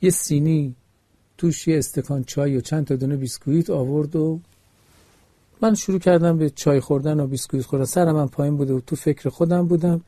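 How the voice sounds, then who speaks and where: A man's voice: on the high side, warm tone, no room sound. A man preaching a religious sermon, telling a story with quoted dialogue and earnest exhortation.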